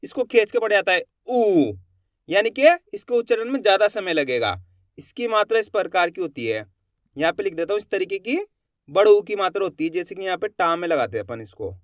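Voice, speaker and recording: A man teaching a Hindi alphabet lesson, asking the class questions and drawing out each sound slowly. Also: high voice, very animated, dry recording, clean studio sound.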